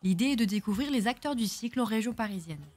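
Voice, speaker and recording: A woman host reading a scripted introduction as a steady voice-over. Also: fairly high pitch, fast. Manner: even, read introduction. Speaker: video host.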